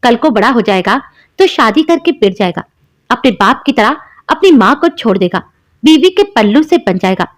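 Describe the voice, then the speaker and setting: A woman's voice: on the high side, expressive, normal speed, natural voice. A woman voicing a harsh, spiteful sister-in-law who taunts and scolds in a cartoon story. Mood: angry. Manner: sharp, taunting.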